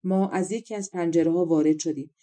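A woman's voice: lowish voice, fairly even intonation, warm tone, close to an everyday voice. A woman voicing a lazy young girl telling her story in a storybook reading. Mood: offhand.

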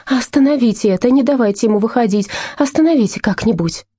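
A woman's voice: animated, normal speed, mellow, husky, no room sound. A woman voicing a panicking, hysterical young woman in labour in an audiobook. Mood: panicked. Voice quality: shrill and hysterical. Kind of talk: audiobook character voice.

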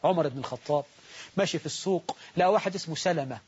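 An Egyptian man preaching a sermon, telling stories with passion and moving between loud and soft delivery, on a dull recording. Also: fairly high pitch, rapid-fire, husky. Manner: impassioned storytelling, shifts between loud and soft.

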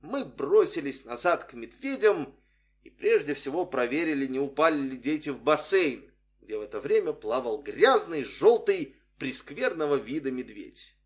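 A man's voice: fairly high pitch, big pitch swings, normal speed. A man reading a humorous story aloud as scripted narration, with a dry, wry storytelling manner. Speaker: audiobook reader.

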